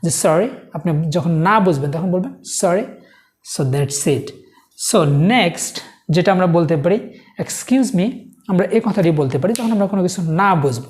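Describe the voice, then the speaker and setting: Mellow-voiced woman teaching English. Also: lowish voice, animated. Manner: says each English phrase slowly and carefully, often begins with "So". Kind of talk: spoken-English lesson.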